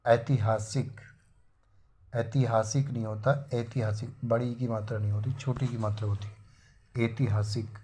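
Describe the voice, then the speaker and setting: A man's voice: medium pitch, flat delivery, moderate pace, dark tone, slightly rough. A man teaching spelling for an exam, repeating each word and setting the wrong form against the right one. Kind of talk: exam-prep spelling lesson.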